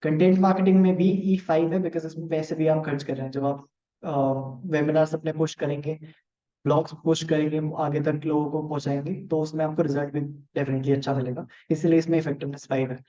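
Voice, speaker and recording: A man with an Indian accent teaching a live online class on marketing. He talks fast on purpose and works through examples while checking in with his students. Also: a little high, little pitch movement, mellow. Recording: echoey room, dull lo-fi sound.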